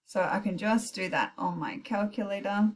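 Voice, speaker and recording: A woman's voice: medium pitch, normal speed. A woman teaching maths in an informal recorded tutorial, thinking aloud through calculator steps and correcting herself as she goes. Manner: thinks aloud with self-corrections and brief apologies. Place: recorded while heavy rain pours outside.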